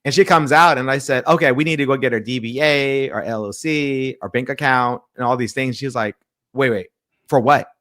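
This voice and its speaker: A man recounting events to an interviewer in a relaxed, conversational way. He slips into the voices of the people he quotes and often repeats words as he restarts sentences. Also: medium pitch, moderate pace. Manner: animated retelling with quoted dialogue and frequent restarts. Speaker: pastor and publisher, interview guest. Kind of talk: storytelling in a casual interview.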